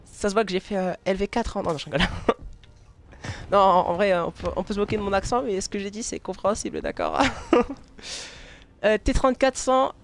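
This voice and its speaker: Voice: mid-range voice, big pitch swings, normal speed, noisy background. A live streamer chatting casually while playing a game, hesitant, with many fillers and restarts, and laughing often.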